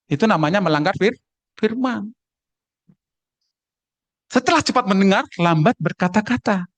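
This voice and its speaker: A man's voice: high-pitched, lively intonation, moderate pace, no room sound. A man preaching a Bible lesson to a congregation, joking and acting out little scenes. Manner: humorous, acts out voices and dialects. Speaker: pastor. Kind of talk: sermon with jokes.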